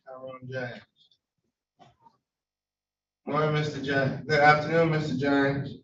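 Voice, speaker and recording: A man's voice: medium pitch, flat delivery, slow pace, a bit bright, lo-fi sound. Role: judge. Sex: man. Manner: formal, hesitant. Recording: distant, roomy courtroom recording with faint hum. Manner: formal, polite, with frequent hesitations. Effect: courtroom recording from a distant room mic. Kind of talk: presiding over a remote court hearing.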